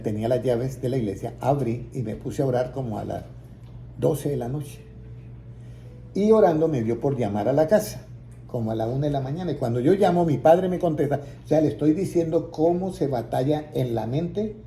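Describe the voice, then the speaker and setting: A man's voice: mid-range voice, warm tone, a little hiss or hum. A man preaching a testimony, telling his story and acting out the voices in it, building to emphatic peaks. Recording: roomy echo, faint ambience.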